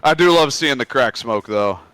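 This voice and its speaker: A man co-hosting a casual gaming podcast, laid-back and measured, with casual slang. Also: medium pitch, expressive, fairly bright tone, clear, resonant tone, no echo, faint music behind. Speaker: podcast co-host.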